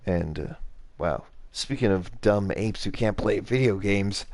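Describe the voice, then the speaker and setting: A man's voice: fairly low pitch, a little slow, darkish tone, no echo. A young man hosting his own channel, casually talking through a block-building game tutorial step by step and poking fun at himself. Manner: rambling, self-mocking, talks through each step. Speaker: channel host.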